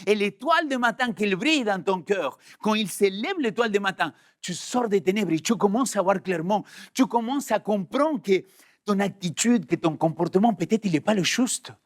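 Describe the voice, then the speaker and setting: Guy pastor preaching, voice jumps all over the place, talks right to the crowd. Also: normal speed. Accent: French-speaking Swiss. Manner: animated, jumps in pitch for emphasis, talks straight to the congregation. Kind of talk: sermon.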